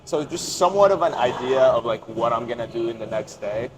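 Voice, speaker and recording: A young man with a mid-pitched voice acts as interviewer in a casual chat. He talks informally and conversationally, sometimes repeating words for emphasis. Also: expressive, brisk, music in the background, low-quality recording. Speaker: interviewer and host.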